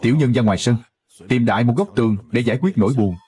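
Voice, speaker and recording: A man voicing a frightened foreign merchant giving testimony in a dubbed drama recap, with a husky voice. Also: medium pitch, quick pace, dark tone, lightly acted. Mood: pleading. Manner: stammering, fearful testimony.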